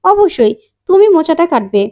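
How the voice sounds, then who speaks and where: A woman reading a bold, sharp-tongued young daughter-in-law, retorting and teasing. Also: very high-pitched, very animated, fairly quick, narrow, tinny audio, voice pushed up.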